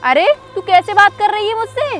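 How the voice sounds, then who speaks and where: Woman as high-voiced cruel stepmother, harsh scolding and threats, music underneath. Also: big pitch swings, normal speed. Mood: angry. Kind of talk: Hindi moral-story acting. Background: background music.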